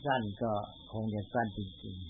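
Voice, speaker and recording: Older male monk, unhurried teaching talk, tinny lo-fi line, faint music behind. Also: fairly low pitch, creaky. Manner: slow, patient, frequent tag questions. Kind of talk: dharma talk to monks.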